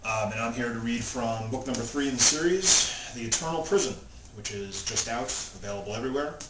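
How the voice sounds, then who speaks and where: A male author talks informally and reads aloud from his novel in his own plain voice, not doing character voices. He speaks at medium pitch and a little fast, recorded in a roomy space from a distant mic with loud background noise.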